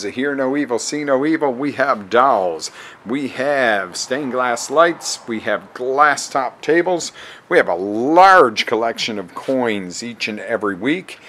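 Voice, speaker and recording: A man hosting a promotional walkthrough of an auction showroom, making an upbeat sales pitch and repeating times and addresses, recorded on a handheld camera mic while he walks around. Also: fairly bright tone, slight background noise. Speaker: auction house host.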